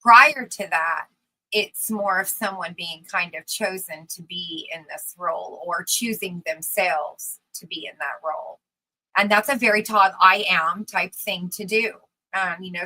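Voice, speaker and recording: Bright-voiced woman explaining ideas excitedly. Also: mid-range voice, poor audio. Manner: animated, emphatic, trails off into asides. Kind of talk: casual conversational explanation.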